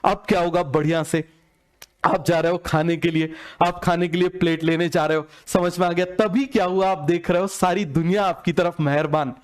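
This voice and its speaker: A male teacher giving a lively lesson, often asking listeners if they understood and acting out family conversations. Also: sits high, moderate pace, smooth. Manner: keeps asking "samajh mein aa gaya?", quizzing listeners; acts out dialogue between father and son. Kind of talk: classroom lecture with acted-out stories.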